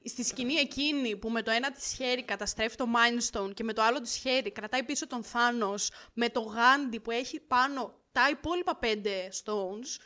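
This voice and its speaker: A woman's voice: fairly high pitch, few pauses, sharp tone. A young woman co-hosting a podcast, recapping episodes in casual chat with enthusiasm and detail. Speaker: podcast co-host.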